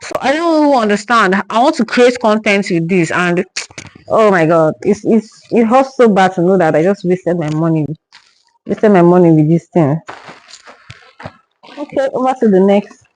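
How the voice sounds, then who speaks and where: A woman's voice: lowish voice, expressive, moderate pace, long pauses, darkish tone, rough recording. A young woman from Nigeria reviewing a haul to camera in casual talk, exasperated and stumbling over repeated words when upset. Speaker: vlogger.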